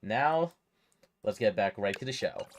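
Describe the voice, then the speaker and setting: A man's voice: fairly low pitch, expressive, unhurried, slight background noise. A young man giving casual, joking commentary over a video game, profane and laughing often. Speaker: gaming video creator. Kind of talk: casual gameplay reaction commentary. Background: game music.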